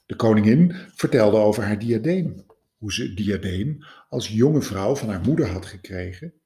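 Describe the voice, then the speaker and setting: A man narrating a fairy tale in an expressive storytelling manner. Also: fairly low pitch, creaky. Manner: expressive, lively.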